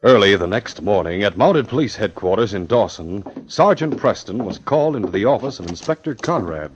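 A man's voice: on the low side, animated, a little fast, close to an everyday voice. A man narrating an old-time radio adventure drama in scripted style. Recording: dull, noisy old radio recording.

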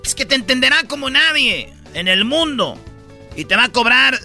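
A man's voice: very high voice, sing-song, moderate pace, sharp tone, faint music behind. A man with a Mexican Spanish accent telling jokes as a radio comedy host, switching into character voices. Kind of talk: joke-telling comedy show.

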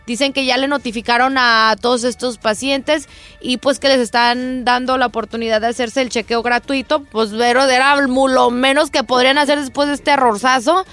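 A woman's voice: sits high, fairly even intonation, normal speed, fairly bright tone. A woman co-hosting a news show, reading a story in a chatty way and addressing the listener directly. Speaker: news co-host.

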